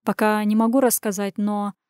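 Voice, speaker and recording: Женщина, изображающая заботливую властную подругу. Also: female voice, medium pitch, level tone, normal speed, a little mellow, clean tone, dry recording, clean studio sound, lightly acted. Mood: confiding. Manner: insistent, scolding. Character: caring, bossy young woman friend.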